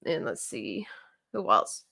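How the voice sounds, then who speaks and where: Bright-voiced Southern woman chatting. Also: low-pitched, very animated, slow, vocal fry, slightly rough. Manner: chatty, many fillers and restarts. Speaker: co-host of a knife company livestream. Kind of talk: casual livestream chat reading viewer comments.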